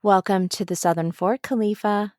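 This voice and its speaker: A woman's voice: mid-range voice, steady tone, normal speed, darkish tone, no echo. A woman hosting a podcast, speaking from inside a clothes closet. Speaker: podcast host. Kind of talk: scripted introduction, then casual interview chat. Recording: close, dry closet sound.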